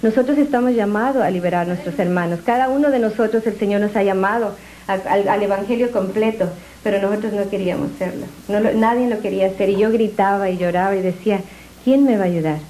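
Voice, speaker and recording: A woman giving an emotional religious testimony at church, earnest and halting, often restarting her sentences. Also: medium pitch, fairly even intonation, warm tone, slight background noise, poor audio.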